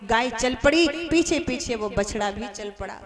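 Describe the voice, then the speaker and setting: A woman's voice: on the high side, animated, unhurried, long reverb tail, over loud music. A woman devotional storyteller narrating a sacred tale in a sing-song sermon manner, repeating phrases for emphasis. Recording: live crowd noise behind.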